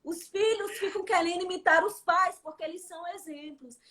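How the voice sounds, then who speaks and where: A woman's voice: very high voice, a little fast, fairly bright tone. A woman preaching fervently in a prayer livestream, calling her listeners "dear". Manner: fervent, addresses listeners as "querido".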